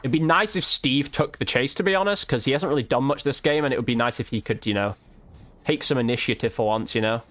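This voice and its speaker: This dry recording captures a fast-talking man whose medium-pitched voice sounds slightly bright. Playing a video game, the streamer and YouTube host keeps up a reactive, exclamatory, slangy commentary that drifts between live play-by-play and casual chatter.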